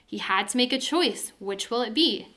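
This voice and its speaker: A woman teaching a women's Bible study, telling the passage with earnest, expressive storytelling and dramatic pauses. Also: a little high.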